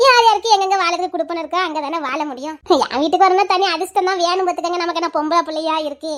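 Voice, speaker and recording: A woman's voice: very high-pitched, rapid-fire, a bit bright. A woman playing a blunt, gossipy older village mother of the groom. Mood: scolding. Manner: scolding, gossipy, preachy.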